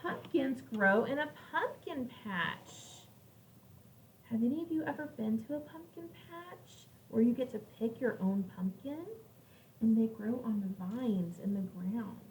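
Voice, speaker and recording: Reading to young children, a female teacher uses simple explanations and poses questions to them. She speaks on the high side, expressively, a little slowly and with a slightly mellow quality. The recording comes from a distant mic with faint background noise.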